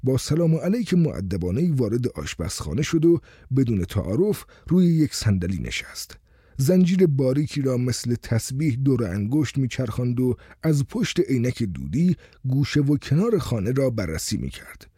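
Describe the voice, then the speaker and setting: A man reading a story aloud as narrator in a expressive reading style. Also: medium pitch, husky, no echo, clean studio sound. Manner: expressive reading, voices the characters. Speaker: audiobook narrator.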